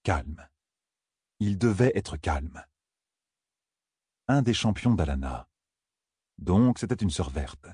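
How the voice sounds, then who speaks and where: A man narrating a fantasy novel as an audiobook, in a measured, even storytelling manner. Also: deep voice, breathy edge, no echo, clean studio sound.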